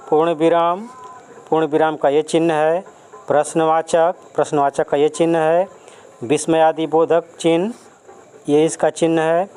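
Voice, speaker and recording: A man gives a grammar lesson to a class of children, spelling out definitions and examples one by one. His voice sits a little high. He speaks very slowly and deliberately, turning often to address the pupils. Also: darkish tone, clean tone, poor audio. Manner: slow, careful explaining with definitions and examples. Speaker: teacher. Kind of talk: Hindi grammar lesson for schoolchildren.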